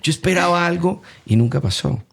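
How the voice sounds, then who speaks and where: A young Colombian man giving an emotional faith testimony as an interview guest, storytelling with lively acted-out quotes. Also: sits high, brisk, vocal fry. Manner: animated storyteller acting out quoted voices.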